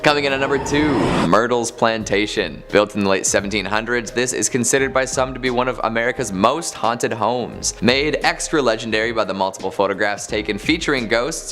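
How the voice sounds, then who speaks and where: A man's voice: mid-range voice, a bit bright. A man reading scripted narration as the narrator of a top ten countdown. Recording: music bed under the voice. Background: background music.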